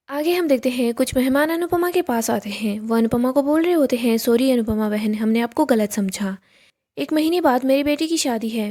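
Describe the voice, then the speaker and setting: High-voiced woman narrating a serial recap. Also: a little mellow. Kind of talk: scripted story recap narration.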